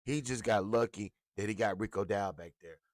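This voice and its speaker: A man's voice: lowish voice, normal speed. A man giving a blunt, profane, heated rant as a sports commentator. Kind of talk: ranting sports talk.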